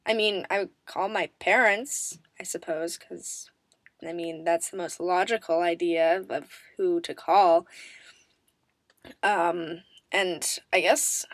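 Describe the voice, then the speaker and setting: A woman's voice: fairly low pitch, dry recording. Woman, bubbly, rambling, self-mocking, scratchy recovering throat, dry close sound. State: raspy voice, recovering from strep throat, coughing. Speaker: vlogger answering viewer questions. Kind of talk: casual rambling chat to camera.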